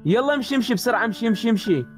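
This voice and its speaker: Man as a pushy villager, urging, rapid-fire, high voice, music underneath. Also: expressive. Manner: insistent, urging. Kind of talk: Minecraft fan drama voice acting.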